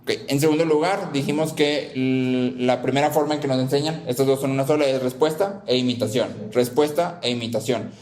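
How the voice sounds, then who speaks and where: A man in the middle of a sermon, speaking at an ordinary pitch. He repeats each main point and keeps checking in with his listeners. His voice rings around an echoey church hall. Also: a little fast, hardly any pauses, darkish tone. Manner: repeats key phrases, asks "¿sí?" to check in. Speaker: preacher.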